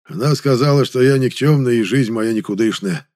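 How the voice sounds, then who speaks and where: A male audiobook reader voicing a hoarse, downcast war veteran who sighs and mumbles. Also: mid-range voice, a little fast, a little mellow, lightly acted. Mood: despondent. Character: worn-out middle-aged war veteran man, gloomy.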